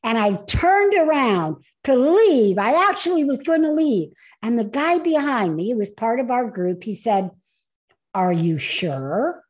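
A woman hosting a podcast on speaking, telling a personal story with animated, emphatic delivery. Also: high voice, normal speed, few pauses. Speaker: podcast host and speaker coach.

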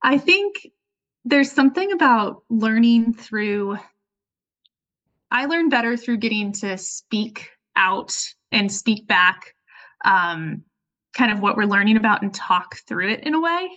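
A woman's voice: on the high side, lively intonation, slow pace, fairly bright tone. Upbeat young woman, muffled sound. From Southern California. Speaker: MBA student guest. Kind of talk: conversational interview.

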